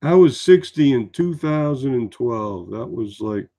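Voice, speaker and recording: A man's voice: medium pitch, lively intonation, a little slow, mellow. A man in his sixties, tired, chatting in a meandering, rambling way in a casual vlog. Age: 60s. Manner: meandering, chatty storytelling with many fillers. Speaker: vlogger.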